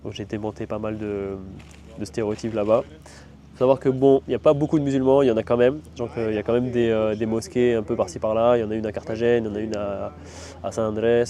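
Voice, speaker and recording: A man's voice: lowish voice, fairly even intonation, fast talker, warm tone. A young man telling a travel story in a casual, slangy, rambling way, full of fillers. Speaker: travel vlogger.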